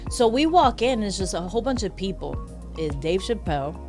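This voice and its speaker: A woman comedian telling a story in casual chat, lively and quick to act out what others said. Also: mid-range voice, soft background music. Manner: animated, acts out other people's lines. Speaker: comedian guest.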